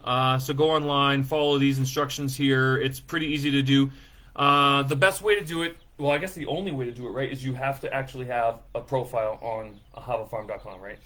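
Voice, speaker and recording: A man's voice: mid-range voice, fairly even intonation, brisk, bright, forceful tone. Rambling, chatty man explaining farm details. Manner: rambling, self-deprecating, chatty with fillers. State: feeling sick after overeating. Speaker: farm owner presenting season details. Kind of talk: casual informational presentation.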